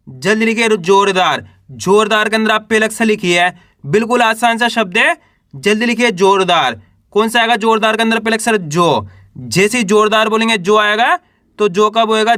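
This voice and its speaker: Guy teaching hindi reading, high bright voice, asks then answers himself, dry close mic. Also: no echo. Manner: drawls syllables slowly when sounding out letters. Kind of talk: patient step-by-step spelling lesson.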